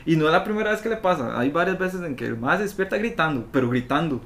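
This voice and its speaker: Young man, Costa Rican accent, lively slangy storytelling, somewhat higher voice, casual podcast chat. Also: fast talker. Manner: animated storyteller, swears freely, slangy. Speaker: podcast co-host.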